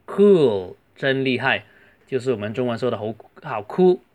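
A man, a native Chinese speaker, teaching English pronunciation in a beginner lesson, saying each word slowly and carefully. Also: medium pitch, narrow, tinny audio. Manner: slow, careful demonstration of English words. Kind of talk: language lesson explaining pronunciation.

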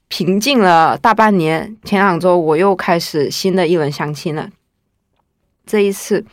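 Speaking in the first person, a twentysomething woman appearing as a guest storyteller relates her own tale in a casual, wry, talkative way. Her voice sits fairly low, and the recording is clean studio sound with no echo.

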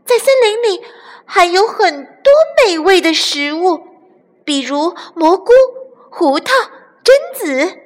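A woman voicing an earnest young hen child who pleads in a high voice, in a storybook with long reverb. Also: lively intonation, takes it slowly, exaggerated voice. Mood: pleading.

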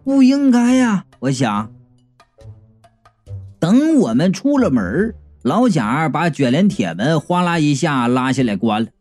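A reader narrating a comic ghost story as an audiobook, in a lively storytelling tone. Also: mid-range voice, unhurried, faint music behind.

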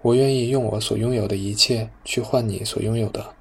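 A man reading the lines of a doting, affectionate older man in an audiobook, in a gentle tone. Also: fairly low pitch, fairly even intonation, fairly quick, creaky, slightly rough.

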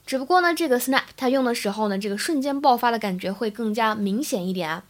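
A woman's voice: fairly high pitch, quick pace. A young woman from China teaching spoken English, explaining pronunciation step by step in an upbeat way. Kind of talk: podcast-style English lesson.

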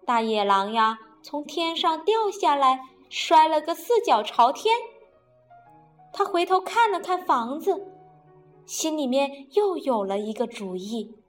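一位女性用拖长的唱腔式语调给孩子讲童话故事。. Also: female voice, high voice, big pitch swings, soft background music. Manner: slow, sing-song, drawn-out. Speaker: storyteller. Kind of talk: children's storytelling.

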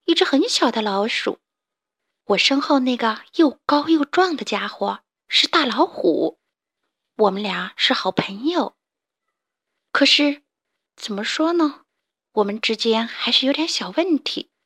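A woman storyteller reading a children's story aloud in a gentle, expressive, slow and clear manner. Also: high voice.

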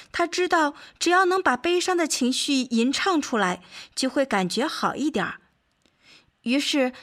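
A woman reading a children's storybook aloud as the host of a children's program, gentle and measured. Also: high voice. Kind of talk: scripted storybook narration. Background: faint music.

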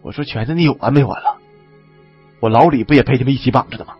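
A man voicing a gruff, sly male soldier who turns traitor, speaking low and curt. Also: fairly even intonation, brisk, no echo, highs cut off, faint music behind. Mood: low, muttering.

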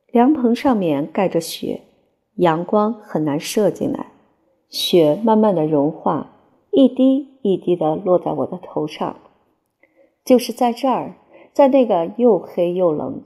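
A woman narrating a literary novel aloud in the first person, with a measured and expressive reading. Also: lowish voice, breathy edge. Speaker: audiobook narrator.

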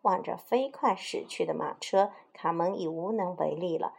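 A woman reading a children's picture-book story aloud in a lively, expressive way. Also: lowish voice, moderate pace, gravelly, husky.

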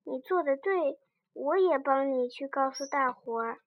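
A woman's voice: high voice, unhurried, no echo, dull audio. A woman voicing a grown-up female carp in a children's story, curious and kindly.

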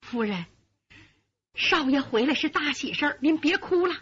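Woman doing a soothing young maidservant, bright and high, dull recording. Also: animated, normal speed. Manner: soothing, coaxing. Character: young maidservant, gentle and dutiful.

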